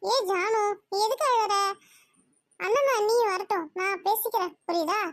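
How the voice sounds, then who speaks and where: A woman voicing a bossy squeaky mother. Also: moderate pace, no room sound, studio quality. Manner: bossy, scolding. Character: fussy middle-aged mother, matchmaking woman. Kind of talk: cartoon voice acting.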